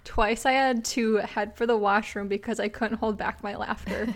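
A woman's voice: mid-range voice, fairly even intonation, moderate pace. A woman co-hosting a casual podcast, reading listener stories aloud in an easygoing, chatty way and laughing often. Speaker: podcast co-host.

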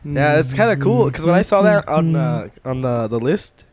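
A man with a stuffy nose co-hosting a podcast in casual chat, halting and stumbling over his words. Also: on the high side, expressive, a crowd in the background. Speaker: podcast co-host.

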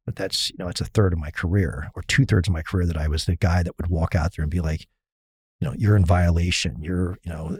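A man's voice: deep voice, husky, no room sound, studio quality. A middle-aged man telling a long self-mocking story in a casual interview, with many fillers. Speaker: risk consultant guest.

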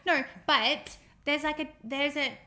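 A woman's voice: sits high, steady tone, unhurried, bright, forceful tone, a little hiss or hum. A woman in her thirties with a distinctive nasal voice, co-hosting a podcast in casual chat. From Australia. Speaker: podcast co-host.

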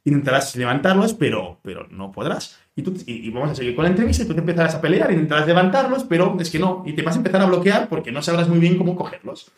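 A man's voice: on the high side, lively intonation, fast, hardly any pauses, recorded from a distance. A man hypnotizing a guest, speaking in soothing suggestive patter. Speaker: hypnotist host. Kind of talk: guided hypnosis induction. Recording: roomy, off-mic.

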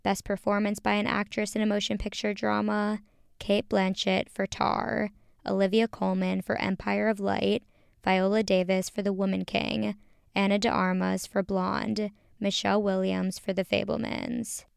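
A woman's voice: medium pitch, flat delivery, normal speed, creaky, clear, resonant tone, no room sound, studio quality. A young woman hosting a casual solo podcast, chatting directly to her listeners, recorded in a small closet at home. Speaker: podcast host.

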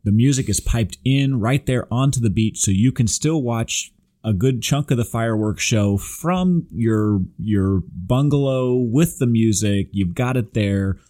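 A man's voice: mid-range voice, unhurried, mellow. A man co-hosting a podcast in casual, enthusiastic chat, laughing easily. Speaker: podcast co-host.

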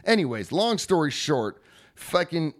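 Casting: man, casual storyteller, lively pitch swings, crude and rambling, does quick voices. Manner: profane, rambling, acts out voices in his story.

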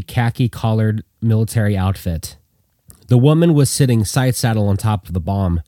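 A man narrating a story in a plain, steady reading voice. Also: mid-range voice, no room sound, studio quality.

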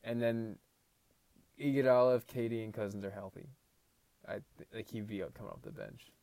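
A man's voice: fairly low pitch, a little fast, a little mellow, no echo. A young man co-hosting a sports podcast in casual chat, quizzing his partner and listing player names and statistics. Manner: quizzing, rattling off stats and names. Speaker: podcast co-host.

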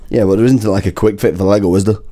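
A man's voice: fairly low pitch, steady tone, fast, mellow. A man co-hosting a podcast in crude, casual banter, reading list items aloud and laughing often. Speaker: podcast co-host.

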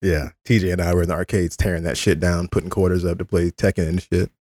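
A man's voice: deep voice, steady tone, quick pace, darkish tone, breathy edge, no room sound. A man in his thirties hosting a casual podcast chat, loose and profane, laughing often. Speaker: podcast host.

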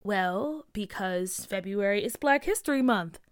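A woman's voice: medium pitch, animated, unhurried, no room sound, clean studio sound, natural voice. A woman voicing a hesitant schoolteacher who stumbles over fillers and grows impatient, in a storybook reading.

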